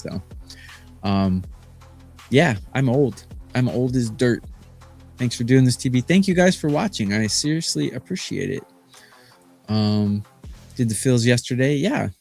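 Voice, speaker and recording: A man's voice: mid-range voice, darkish tone. A man in his fifties from Arizona, a sports betting handicapper talking on a live stream in a boastful, rambling way with lots of fillers. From Phoenix, Arizona. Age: 50s.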